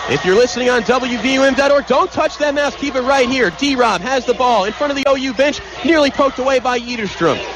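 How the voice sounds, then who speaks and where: A very high-pitched man calls live basketball play-by-play on radio from an indoor arena in vivid, clipped, rapid-fire phrases. A loud crowd roars behind him.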